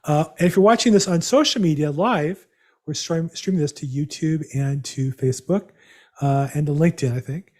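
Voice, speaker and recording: A man's voice: on the high side, normal speed, darkish tone. A man hosting a live real estate seminar over a video call, chatty and rambling with many fillers. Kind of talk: live webinar presentation.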